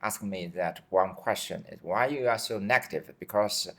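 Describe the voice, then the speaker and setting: A man in his forties from China, Chinese native, answering interview questions in simple, halting English and repeating himself, tired. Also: lowish voice, a bit bright. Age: 40s. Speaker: dentist guest. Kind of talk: interview answers in second language.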